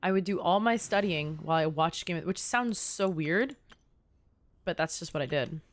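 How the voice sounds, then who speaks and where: A young adult woman with a lowish voice at a moderate pace is livestreaming a game. She chats casually with her viewers, bantering, teasing, and talking to chat while commenting on the gameplay.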